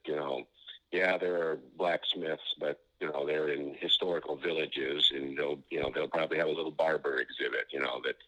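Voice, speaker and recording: Deep-voiced man on speakerphone. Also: pushed and bright, muffled recording. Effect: heard over a phone on speaker. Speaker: author and interview guest. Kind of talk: phone interview chat. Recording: phone speaker picked up in studio.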